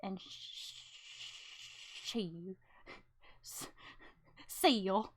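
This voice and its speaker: Bright-voiced young woman, playful and loud. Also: mid-range voice, drawn-out words, slightly rough. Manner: swears, laughs, imitates game sounds with her voice. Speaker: streamer host. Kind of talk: casual gaming chat.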